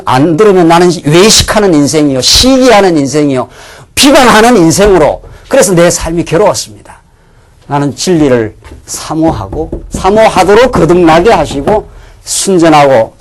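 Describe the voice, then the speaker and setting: Male pastor, church sermon, lively up-and-down voice, slightly high, asks and answers his own questions, hushed near-whispers. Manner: asks the congregation questions and answers them himself; drops to a hushed near-whisper for inner thoughts.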